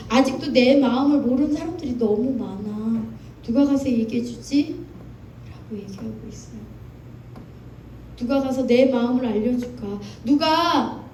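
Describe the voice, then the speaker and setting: A woman's voice: fairly high pitch, warm tone, a little hiss or hum. A woman preacher delivering an impassioned sermon, acting out quoted voices as she goes. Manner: impassioned, acts out quoted voices of God and youth. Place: church sanctuary. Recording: echoey hall, mic at a distance, music behind.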